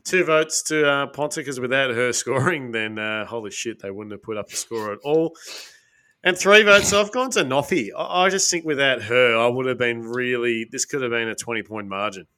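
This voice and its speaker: A man's voice: medium pitch, lively intonation, moderate pace, sharp tone. An Australian man co-hosting a casual sports chat, blunt and emphatic in his calls. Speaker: podcast co-host.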